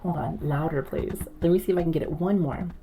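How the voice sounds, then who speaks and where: A woman chatting casually on an ASMR stream, talking softly right into the listener's ear and often slipping into whispers, with a playful, gently silly manner. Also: deep voice, fast talker. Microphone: close ASMR microphone. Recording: clear background noise and clicks.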